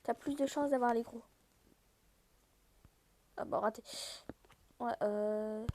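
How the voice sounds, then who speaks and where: High, mellow-voiced woman explaining a game. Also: steady tone, measured pace, slight background noise. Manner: explains step by step straight to viewers. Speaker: gaming video host. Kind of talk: casual gameplay walkthrough.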